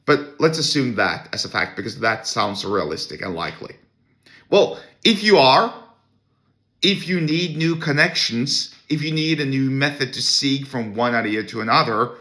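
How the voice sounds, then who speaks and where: In a medium-pitched, sharp-toned voice, a podcast host with a Norwegian accent delivers an opinionated solo rant. He's blunt and scornful, restarting many times along the way.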